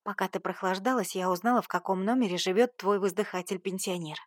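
A woman's voice: mid-range voice, fast, no echo, clean studio sound, natural voice. A woman voicing a brash, nosy young female friend in an audiobook, talking bluntly and indignantly. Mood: grumbling. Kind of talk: audiobook character voice.

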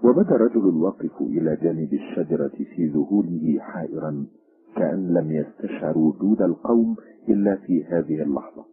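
A man reading a literary story aloud as an expressive audiobook narrator, with a tinny phone-like sound. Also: deep voice.

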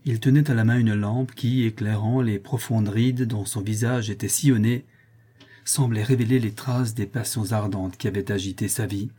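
Dark husky male audiobook narrator. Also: fairly low pitch, steady tone. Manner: measured literary reading.

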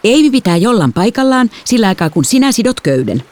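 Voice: mid-range voice, a little mellow, lightly acted. A woman voicing a stern father in an audiobook, giving commands. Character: stern father shouting from a boat.

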